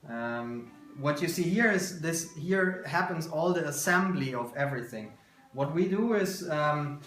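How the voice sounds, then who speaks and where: The founder, a German-accented man in his thirties, gives a casual workshop tour, explaining his work and often searching for words. His voice is medium-pitched with a fairly bright tone. A handheld camera a couple of metres away films the small indoor workshop, and the roomy recording carries background noise and clicks.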